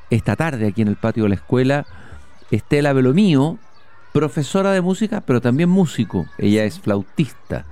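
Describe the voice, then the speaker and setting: A man's voice: medium pitch, mellow. A man hosts an interview about teaching, thoughtful and a little hesitant. He restarts often as he works out his questions. He talks outdoors in a school patio. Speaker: interviewer host. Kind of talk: conversational interview.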